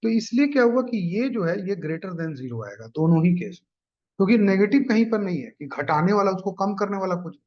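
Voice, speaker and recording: A man's voice: sits high, sing-song, a little fast. A man teaching exam-prep economics math, explaining each step and checking in with students. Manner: explains step by step, often asks "clear?" and "ठीक है". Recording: dull lo-fi recording.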